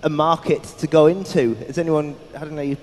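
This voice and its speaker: A man moderating a panel discussion, halting and full of fillers. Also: a little high, level tone, darkish tone. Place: conference hall. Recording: echoey hall, faint background noise.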